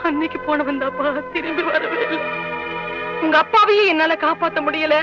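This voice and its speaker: A woman's voice: high-pitched, fairly quick, close to an everyday voice. An actress playing a middle-aged mother, wronged and stubborn, speaking with emotion in a 1980s film drama. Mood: sorrowful. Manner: pleading then defiant, emotional. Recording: lo-fi film soundtrack with music.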